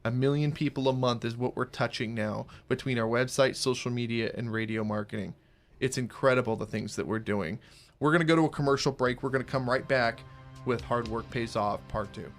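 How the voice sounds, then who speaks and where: A man hosting a radio talk show, pitching services with energy and joking with guests. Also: a little fast, soft background music. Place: radio studio. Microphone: studio mic.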